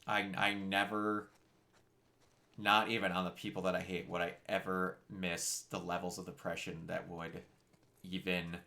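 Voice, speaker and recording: A young man talking casually on a game stream, halting with many restarts. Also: low voice, flat delivery, gravelly, bright, forceful tone.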